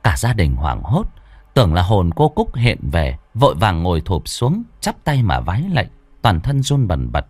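A man's voice: deep voice, very animated, normal speed, a little mellow, no room sound. A man narrating a ghost story in a suspenseful, vivid cadence.

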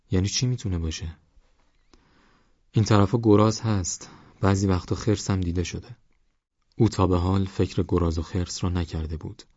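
Deep husky male audiobook narrator. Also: dry recording. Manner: calm, steady reading. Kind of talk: scripted novel narration. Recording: dull lo-fi audiobook with faint music. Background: faint background music.

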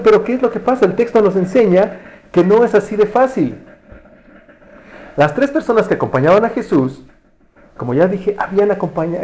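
A man preaching a relaxed, conversational sermon, often correcting himself and asking the congregation questions. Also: on the high side, rough recording. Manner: relaxed, self-correcting, asks the audience questions.

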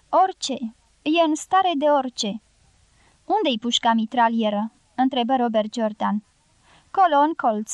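A woman's voice: fairly high pitch, no echo. A woman narrating an audiobook novel, reading every character's dialogue in her own voice.

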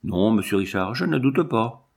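A man's voice: lowish voice, expressive, moderate pace, vocal fry. A man reading aloud, voicing a deferential, embarrassed male village policeman. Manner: deferential, subdued.

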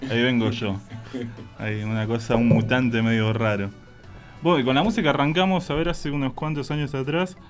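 A man with a mid-range voice and fairly even intonation, guesting on a radio show as a band member. Speaking fairly quickly, he jokes, tells stories, and laughs often in a playful way in the radio studio, with soft music in the background.

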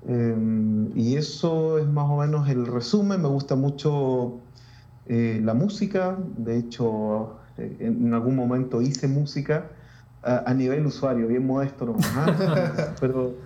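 A Chilean man, a Lutheran pastor, talking reflectively in a casual interview with many restarts and pauses. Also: mid-range voice, dark tone, roomy sound, highs cut off.

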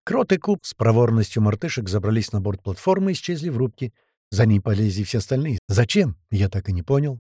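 A man reading a first-person audiobook with tense, lively storytelling. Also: lowish voice, fast talker, slightly rough, dry recording, studio quality. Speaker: audiobook narrator.

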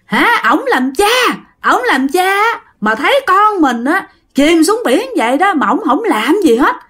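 A woman with a Southern Vietnamese accent voicing the vengeful ghost of a drowned young man, speaking through a villager in a told ghost story, shrill and accusing. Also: big pitch swings, unhurried, a bit bright, heavily acted.

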